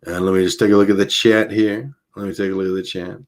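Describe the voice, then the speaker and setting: A man's voice: on the low side, quick pace. A man reading a novel aloud on a live stream, then chatting casually with his viewers. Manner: relaxed and chatty, with laughs and fillers between readings. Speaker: audiobook reader streaming live.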